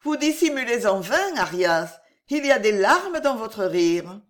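A woman's voice: big pitch swings, measured pace. A woman reading a novel aloud, voicing a young, elegant, sentimental lady in a raised, indignant, exclaiming voice. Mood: earnest. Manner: indignant, exclamatory, high-pitched. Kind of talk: audiobook reading.

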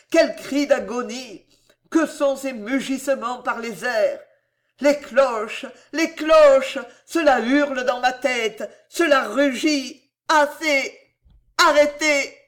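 A man's voice: high voice, a bit bright. A man reading aloud, voicing a delirious dying young king who pleads in frantic cries, tormented by guilt. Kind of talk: dramatic reading of a historical novel.

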